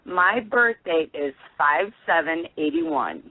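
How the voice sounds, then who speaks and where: A woman's voice: low voice, expressive, takes it slowly. A woman from Illinois calling in to a radio show over the telephone, friendly and chatty. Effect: heard over a telephone line. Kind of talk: phoning in to a call-in radio show. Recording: tinny phone line with faint hiss.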